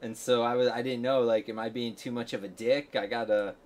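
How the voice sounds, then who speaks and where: Casting: mid-pitched man, casual podcast chatter, laughing a lot, faint background hiss. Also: steady tone, brisk, a little mellow. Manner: laughs often, self-deprecating. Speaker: podcast co-host.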